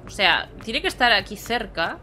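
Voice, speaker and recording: A woman's voice: mid-range voice, very animated, normal speed, pushed and bright, slight background noise. A young woman giving casual, playful gameplay commentary, chatting to herself as she plays. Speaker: gameplay streamer. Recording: game music behind.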